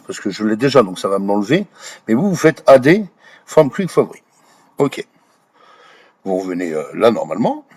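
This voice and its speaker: A man walking viewers through software settings in a screen-recorded tutorial, hesitant, full of fillers and restarts, often checking in with the viewer. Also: medium pitch, husky. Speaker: Blender tutorial creator.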